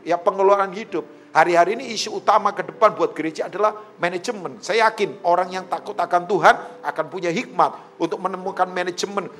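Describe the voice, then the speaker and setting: High-voiced pastor preaching. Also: male voice. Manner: animated preaching, addresses congregation often, mixes in English phrases. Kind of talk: sermon.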